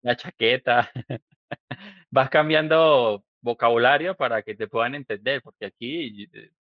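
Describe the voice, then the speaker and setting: A Venezuelan man with a Venezuelan accent, hosting a podcast in a relaxed, casual way and laughing often. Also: medium pitch, measured pace, no room sound. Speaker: podcast host. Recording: dull lo-fi recording.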